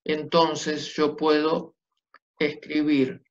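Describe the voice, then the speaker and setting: Man, fairly high voice, slow patient whiteboard lecture, dull lo-fi classroom recording. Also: level tone, slight background noise. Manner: patient, checks understanding with tag questions. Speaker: Biblical Hebrew teacher.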